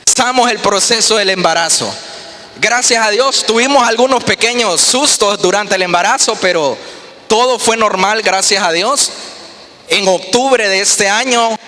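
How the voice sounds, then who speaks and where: A man's voice: sits high, moderate pace, pushed and bright. A man telling his personal faith testimony earnestly, often restarting his words. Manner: earnest storytelling with frequent restarts. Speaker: testimony speaker. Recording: reverberant hall.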